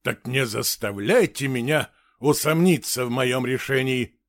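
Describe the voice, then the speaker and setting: A stern, commanding man in authority whose voice is sharp and unbending, as an audiobook narrator does him. He lays out each word slowly and deliberately. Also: mid-range voice, no echo, lightly acted. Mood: resolute. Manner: sharp and unyielding, slow and deliberate. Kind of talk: audiobook character voice.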